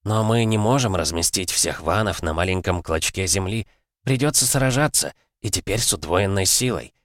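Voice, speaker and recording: A man's voice: low-pitched, normal speed, no room sound, clean studio sound, lightly acted. A man voicing a stern old clan head who speaks in a grave, commanding way. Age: older.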